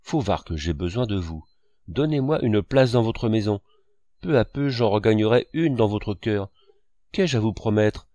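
A man's voice: on the low side, lively intonation, unhurried, mellow, no room sound. Man reading as a feverish self-styled messiah. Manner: pleading, feverish outpourings. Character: tormented grandiose man, thinks himself Christ. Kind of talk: audiobook reading.

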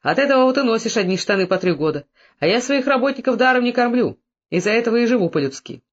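A man reading aloud voices a rough, bullying peasant master who shouts at his young worker. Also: extremely high pitch, animated, fast talker, lo-fi sound, voice pushed up. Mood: shouting. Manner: mock-tender then shouting, rough.

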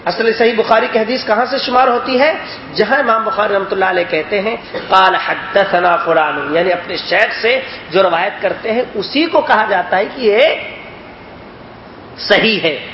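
A man teaching a religious lesson, explaining points and asking his listeners if they understood. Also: sits high. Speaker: hadith teacher. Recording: echoey, dull lo-fi recording with faint noise.

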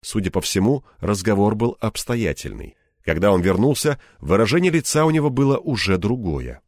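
A man's voice: on the low side, very animated, normal speed, dry recording, studio quality. A man reading a first-person crime novel aloud with tense, dramatic delivery. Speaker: audiobook narrator. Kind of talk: first-person audiobook narration.

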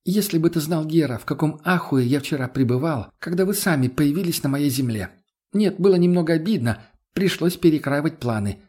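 A man reading an audiobook and voicing a smug, threatening young male villain with a mocking, menacing manner and a husky voice. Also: on the high side, lively intonation, a little fast, darkish tone, pitched above the performer's own voice.

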